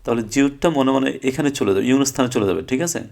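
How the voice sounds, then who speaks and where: A man's voice: mid-range voice, very fast, gravelly, darkish tone. A man teaching a language lesson, posing questions and answering them himself, repeating phrases and checking in with his listeners. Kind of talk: explanatory lesson.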